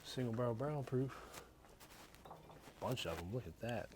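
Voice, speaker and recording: A man's voice: mid-range voice, lively intonation, moderate pace, background noise. A man co-hosting a bourbon vlog, half-whispering dry, joking price comments while walking a liquor store aisle. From Tennessee. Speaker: bourbon reviewer and channel co-host. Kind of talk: casual walk-through vlog.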